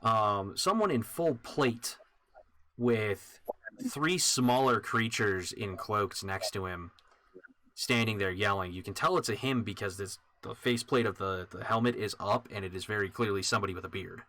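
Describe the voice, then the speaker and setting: A man narrating as dungeon master in a relaxed way with many pauses and fillers. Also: lowish voice. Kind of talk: narrating a tabletop game.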